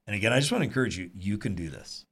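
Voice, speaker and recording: A man leading a small group Bible study, telling the story earnestly and lively with asides to the group. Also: lowish voice, rapid-fire, slightly rough. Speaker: Bible teacher.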